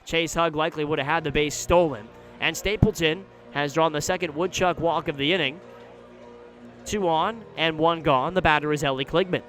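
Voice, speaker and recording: Soft music sits behind a fairly high-pitched American man doing live radio play-by-play of baseball from an outdoor ballpark broadcast spot. He describes every moment in detail, calmly, then excitedly when big plays come.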